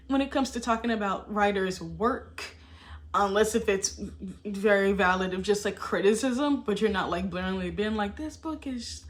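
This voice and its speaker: A young adult woman talking casually to camera about books, chatty and emphatic, with fillers and laughs. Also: medium pitch. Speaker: book vlogger.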